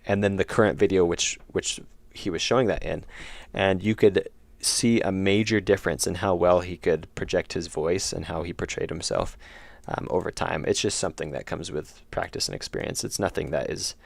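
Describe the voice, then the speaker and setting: This young streamer, working on his indie game, answers chat in a low-pitched, steady, creaky voice at a moderate pace with few pauses, and the recording is dry. He's slightly ill, his voice is fading, and he rambles with frequent self-corrections.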